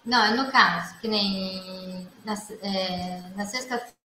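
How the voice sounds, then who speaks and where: Woman, halting participant, heard over a breaking-up video-call line; bright, distant and echoey, with faint hiss. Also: medium pitch, soft background music. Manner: hesitant, halting and broken off. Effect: choppy audio cutting out over a video call. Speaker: participant in an online study group.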